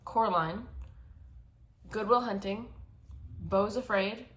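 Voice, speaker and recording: A woman in her twenties, a film student, speaking thoughtfully with frequent pauses and fillers. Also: medium pitch. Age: 20s. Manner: thoughtful, hesitant, with many fillers. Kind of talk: casual self-introduction.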